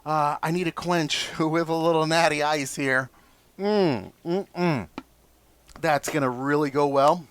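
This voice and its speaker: Chatty higher-voiced man reviewing food. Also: no echo. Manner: chatty, enthusiastic, asks viewers questions. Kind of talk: casual food review vlog.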